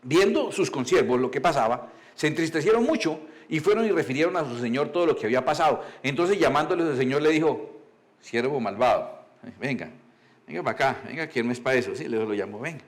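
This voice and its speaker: A male pastor, preaching in a conversational storytelling style, asking the congregation questions and reading scripture slowly. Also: medium pitch, expressive. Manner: reads scripture slowly and deliberately. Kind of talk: sermon.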